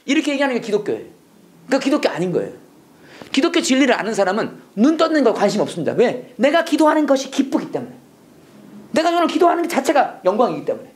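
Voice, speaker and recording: A Bible school teacher giving a lecture that mixes English lessons with preaching, animated and quick to laugh at their own slips. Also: mid-range voice.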